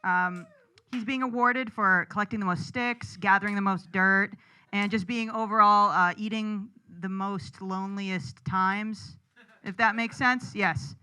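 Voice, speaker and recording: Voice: mid-range voice, steady tone, measured pace, pushed and bright, clear, resonant tone. Playful rambling show emcee. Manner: rambling, playful camp-counselor bit. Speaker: host introducing comedians.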